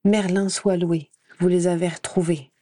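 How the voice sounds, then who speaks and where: A woman's voice: fairly low pitch, fairly even intonation, normal speed, warm tone, dry recording, close to an everyday voice. A woman reading an audiobook voices a stern older female professor with a cold, clipped, reproachful manner.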